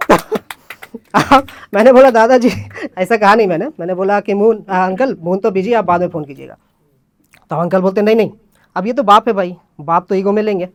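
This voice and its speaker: At an open mic, a young man does stand-up storytelling, bringing his friends to life by imitating their voices as the comic tale unfolds. His voice sits high and moves a little slowly, with slight background noise behind it.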